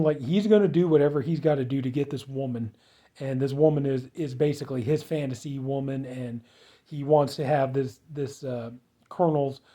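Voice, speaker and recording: Guy rambling thru a movie review, lots of you-knows and restarts, kinda high but mellow voice. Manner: rambling, many fillers and restarts. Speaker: film reviewer. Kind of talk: casual spoken movie review.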